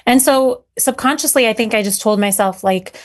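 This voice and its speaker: A woman with a fairly high voice speaks at a moderate pace. She moved to America from Syria as a child and, as a guest in a casual interview, talks earnestly about her writing, often using fillers and restarting sentences.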